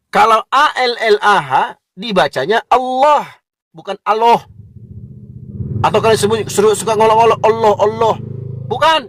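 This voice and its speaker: A man's voice: high-pitched, fairly bright tone, no room sound, studio quality. A man giving a combative, mocking religious lecture, lecturing listeners directly.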